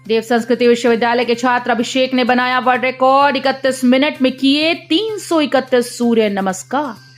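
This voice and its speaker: Female news reader, slightly high voice, formal bulletin read, light music bed underneath. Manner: steady formal headline delivery. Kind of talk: scripted news bulletin reading.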